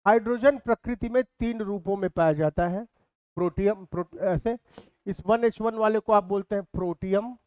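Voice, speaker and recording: A man's voice: high-pitched, normal speed, clean tone, no room sound, lo-fi sound. A man teaching a physics class in speech, repeating key terms and asking his students questions. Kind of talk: classroom lecture.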